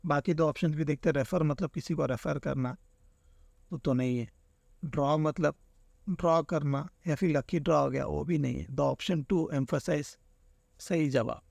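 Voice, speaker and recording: A man's voice: fairly high pitch, measured pace, gravelly, a little mellow, no echo, clean studio sound. A man teaching an exam-prep lesson, walking through answer options and explaining each with everyday examples. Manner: explains with everyday examples, keeps saying "theek hai".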